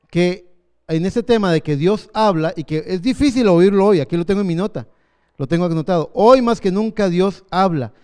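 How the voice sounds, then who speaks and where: A man in his fifties preaching a sermon as pastor, earnest, slowing down for emphasis. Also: sits high, mellow, smooth. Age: 50s.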